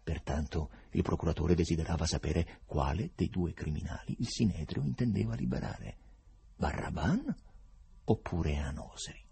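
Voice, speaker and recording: A man reading a novel aloud with expressive, varied delivery. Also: a bass voice, normal speed, creaky, husky. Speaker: audiobook reader. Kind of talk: dramatic literary reading.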